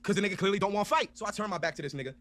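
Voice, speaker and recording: A man's voice: high-pitched, racing. A man telling a story in a casual, profane rant, acting out each side of an argument. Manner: animated, profane, acts out both sides of an argument.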